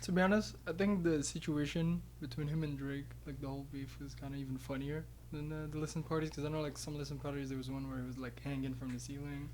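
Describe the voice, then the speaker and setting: A man from Morocco speaks in a radio studio chat with a rather flat, even pitch. He searches for his words, stringing thoughts together with like and um. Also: fast talker, hardly any pauses, a little hiss or hum. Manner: hesitant, many likes, flat delivery. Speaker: interview guest. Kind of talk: casual interview.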